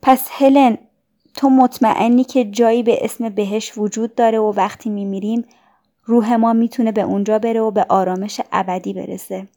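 A woman's voice: a little high, steady tone, warm tone, lightly acted. A woman voicing a young girl who urgently pleads with her dying friend, in a raised voice. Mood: pleading.

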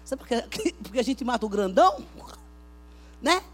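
A woman preaching a Pentecostal sermon at a church service, emphatic, swinging between loud outbursts and hushed talk. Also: fairly high pitch, very animated, normal speed, faint music behind.

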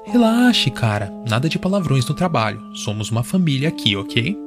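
A man's voice: mid-range voice, sing-song, normal speed, music in the background. A man voicing a smug male coworker who talks in a breezy, condescending way. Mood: patronizing.

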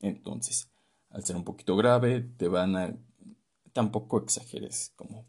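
A man's voice: lowish voice, a little slow, a little mellow, breathy edge. A man giving an informal class presentation in a conversational way, with many fillers and tag questions. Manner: acts out short voice examples. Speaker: presenter teaching communication.

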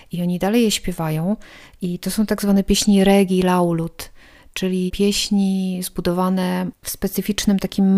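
A woman speaking as a guest expert, explaining with enthusiasm and detail in a relaxed conversation. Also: lowish voice. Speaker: guest expert on Estonian culture.

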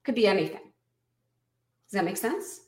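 A woman business coach being interviewed, explaining her method in an energetic, emphatic teaching tone. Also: mid-range voice, normal speed, roomy sound.

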